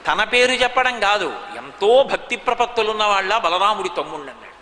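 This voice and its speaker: A man giving an animated devotional sermon, recounting stories emphatically, heard in an echoey hall. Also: high voice, a little fast, slight background noise. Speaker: spiritual discourse speaker. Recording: echoey hall, long reverb.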